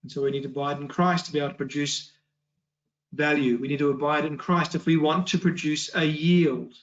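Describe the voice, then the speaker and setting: Emphatic higher-voiced man giving a Bible talk. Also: fairly even intonation, a little fast. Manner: emphatic, asks rhetorical questions. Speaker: Bible study speaker. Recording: dull lo-fi recording.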